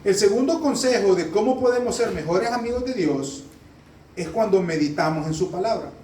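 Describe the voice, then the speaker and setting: A male pastor preaching a fast, joking, conversational sermon that swells into loud, high emphatic bursts. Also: expressive, slight background noise. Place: church sanctuary. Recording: echoey hall, heard from a distance.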